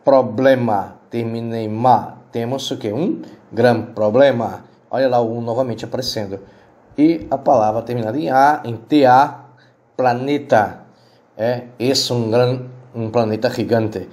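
A man, a Spanish teacher giving a recorded lesson and explaining step by step, often checking in with quick tag questions. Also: mid-range voice, fairly even intonation, darkish tone.

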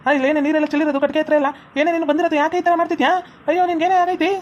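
A woman's voice: high voice, steady tone, very fast, lo-fi sound, a little hiss or hum, lightly acted. A woman voicing a bossy young husband and brother who scolds his wife, with a North Karnataka Kannada accent. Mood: scolding.

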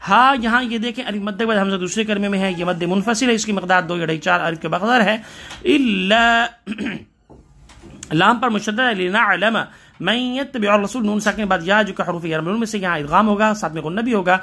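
A man's voice: high voice, sharp tone. Man, from Pakistan, Quran recitation teacher, tajweed lesson, patient, step-by-step explanations, self-correcting. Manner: patient, explains each letter rule step by step, corrects himself.

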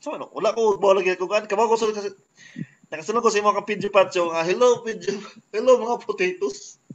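A young man with a high voice teases his friend and laughs along in a casual chat. The audio is dull and lo-fi, with a faint hiss behind it. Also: fairly even intonation, racing, fairly bright tone. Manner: laughing, teasing. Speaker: co-host. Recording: dull lo-fi sound with faint noise.

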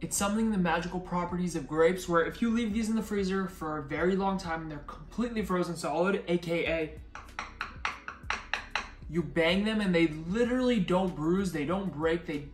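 A young food vlogger chats upbeat to camera, chewing as he talks, his voice sitting high at a normal speed. He's recorded in an echoey room with faint music in the background.

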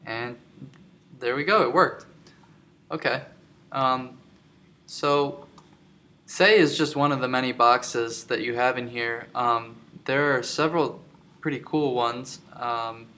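A man giving a screen-recorded software tutorial, explaining step by step with many filler ums. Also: medium pitch, takes it slowly, long pauses. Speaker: tutorial instructor.

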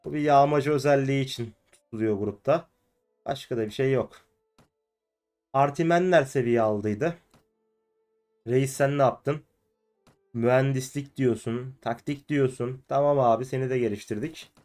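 A hoarse man who is ill, commenting on his own gameplay and often breaking into cursing rants at the game. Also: medium pitch, measured pace, long pauses, darkish tone, soft background music. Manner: ranting and cursing at the game, frequent outbursts. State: hoarse from illness. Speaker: gaming video host. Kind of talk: let's play commentary.

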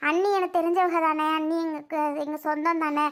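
Tearful young wife , played by a child, high and bright, pleading. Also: level tone, fast talker. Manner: soft, pleading, apologetic. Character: tearful young married woman, gentle and pleading. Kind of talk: homemade family drama.

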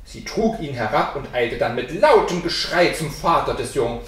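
A woman reads a fairy tale aloud in an expressive, lilting voice. Her pitch moves a lot. The recording sounds like a very echoey room with the mic far away. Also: normal speed. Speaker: reader. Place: library.

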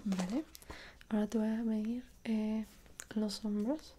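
A young woman with a Mexican accent in an ASMR role-play as a dressmaker, speaking softly and attentively straight to the listener. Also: mid-range voice, fairly even intonation, slight background noise. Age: young adult. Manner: soft, unhurried, attentive, speaking directly to the listener. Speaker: ASMR performer playing a dressmaker. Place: small indoor room at home.

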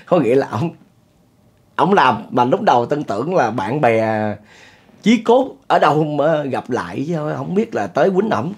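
A man's voice: on the high side, sing-song, a little slow, slightly rough. A middle-aged man with a Southern Vietnamese accent, hosting and telling a spoken ghost story in a chatty way, talking to his listeners. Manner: chatty, addresses listeners, chuckles often. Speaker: storyteller host.

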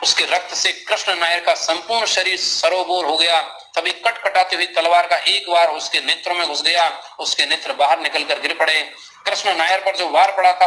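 A man's voice: on the high side, sharp tone, a little hiss or hum, rough recording. A man narrating an audiobook in a grave, dramatic reading style.

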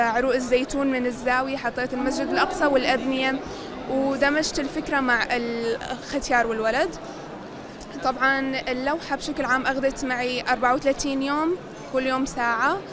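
A nineteen-year-old woman from Damascus with a Damascene Syrian accent, an earnest young painter describing her work in an interview. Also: high-pitched. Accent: Damascene Syrian Arabic. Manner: youthful, earnest, some hesitations. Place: busy indoor exhibition hall. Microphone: handheld interviewer mic. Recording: crowd chatter behind.

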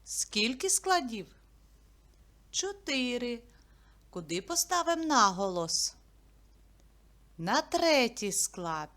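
A woman teacher with a slightly high voice talks very slowly. She asks easy questions and answers them herself, stretching each word so it is clear. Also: very animated, a bit bright. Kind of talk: slow, clear classroom lesson narration.

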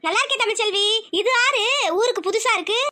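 A woman voicing a feisty, quick-tempered middle-aged village auntie in a cartoon, speaking. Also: extremely high pitch, pushed and bright. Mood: curious. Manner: scolding, indignant.

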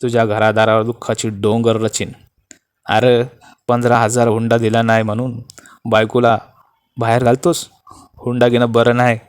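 A man voicing a fierce, hot-tempered male outlaw who gives slow, threatening commands. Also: medium pitch, completely flat delivery, clear, resonant tone, dry recording, lightly acted. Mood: stern.

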